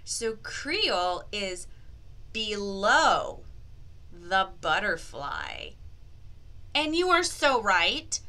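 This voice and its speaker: Hosting a read-aloud language activity for little kids, this teacher swoops wildly in pitch from a medium base, her voice pushed and bright, with drawn-out words and long pauses. She asks questions, stretches key words, and keeps her playful, exaggerated encouragement going.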